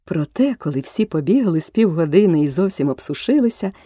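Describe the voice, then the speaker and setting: A woman reads a children's storybook aloud with an expressive, animated delivery that rises and falls. Her voice is low, dark and a little breathy. The recording is close and dry. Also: brisk, no room sound. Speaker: narrator.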